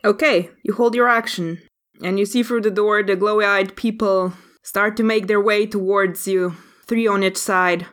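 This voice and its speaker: A woman running a tabletop game as game master, with measured, descriptive narration. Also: medium pitch, fairly even intonation, a bit bright.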